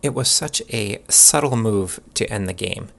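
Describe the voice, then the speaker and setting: Slow, low, gravelly male chess commentator. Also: a bit bright. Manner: measured, poses questions to the listener. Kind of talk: instructional chess game analysis.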